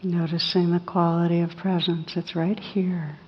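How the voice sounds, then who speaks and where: Woman leading a guided meditation, really slow n soothing, bit husky, long pauses, big echoey dull-sounding room. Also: lowish voice, flat delivery. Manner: soothing, unhurried, with long pauses between short phrases. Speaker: meditation teacher. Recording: muffled, reverberant hall recording.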